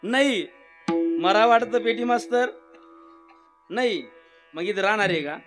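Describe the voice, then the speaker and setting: A man's voice: sits high, unhurried, music in the background. A man giving a humorous devotional sermon, telling stories and asking the audience questions. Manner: animated storytelling, jokes and questions to the audience. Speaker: kirtan preacher.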